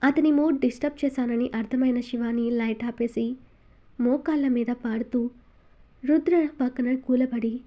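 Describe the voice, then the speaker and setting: Woman narrator, romance audiobook, steady telling, high voice, mellow tone. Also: normal speed. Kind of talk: reading a romance novel aloud.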